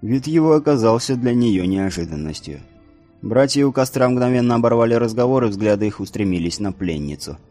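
A man narrating an audiobook in a steady, even storytelling manner. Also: mid-range voice, brisk, soft background music.

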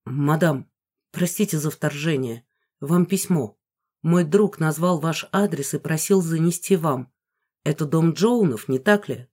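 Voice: medium pitch, measured pace, darkish tone, close to an everyday voice. A reader voicing a polite, slightly flustered male visitor. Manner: polite, a bit unsure.

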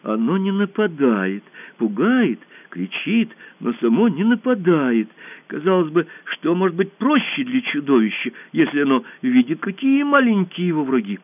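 A man voicing a brave, earnest young girl who calls out in a high, eager, insistent voice, heard over a narrow phone-like band. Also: sing-song, moderate pace. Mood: thoughtful.

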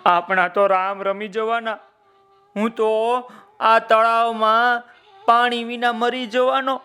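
A man's voice: very high voice, little pitch movement, takes it slowly, pushed and bright, smooth, voice pushed up, heavily acted. A man voicing a desperate male crocodile in a children's story, begging a farmer for help in a wheedling tone. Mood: fearful. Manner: wheedling, begging and swearing promises. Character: desperate pleading male crocodile stranded in dried pond.

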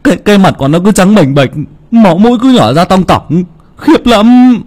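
A man's voice: low voice, big pitch swings, a little fast, mellow, breathy edge, voice pushed down, exaggerated voice. A man voicing an old father overcome by grief and fear, stammering and wailing as he talks. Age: older.

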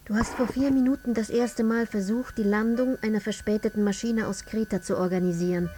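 An actress playing a relentless narrator who questions in measured, accusing second-person lines, in a radio drama. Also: female voice, mid-range voice, fairly even intonation, dark tone, a little hiss or hum, natural voice. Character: woman narrator-interrogator, cool and relentless.

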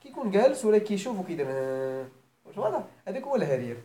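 Moroccan male grammar teacher, middle-aged, animated up-and-down delivery, checks in with the class often, roomy echo. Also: high voice, racing. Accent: Moroccan Arabic. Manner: explains step by step, repeats phrases, checks students' understanding; switches between formal Arabic and Moroccan dialect. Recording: echoey room.

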